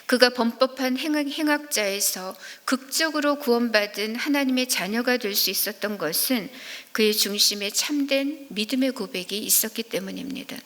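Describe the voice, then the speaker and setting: A woman evangelist giving a sermon at a midweek prayer service, speaking in an earnest, measured preaching manner. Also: on the high side, fairly bright tone. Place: church sanctuary. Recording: long reverb of a church hall.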